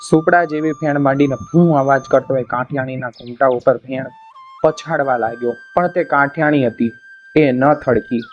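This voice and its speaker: A man narrates a folk tale in a steady, dramatic storyteller's manner, at a mid pitch. The recording sounds dull and lo-fi, with faint music behind his voice. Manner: steady dramatic storytelling, voicing cries of the characters. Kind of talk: reading a Gujarati folk tale aloud.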